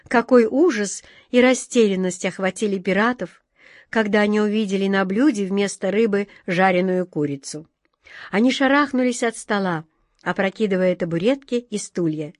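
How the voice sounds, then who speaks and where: A woman narrating a children's storybook aloud in an expressive, dramatic way. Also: medium pitch, dry recording, clean studio sound. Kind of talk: storybook reading.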